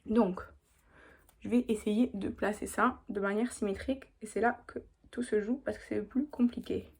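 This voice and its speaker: A woman's voice: medium pitch, fairly even intonation, normal speed, darkish tone, breathy edge. Chatty young woman doing makeup. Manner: chatty, talks while working, lots of little "hop"s. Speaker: beauty vlogger. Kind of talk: casual makeup tutorial.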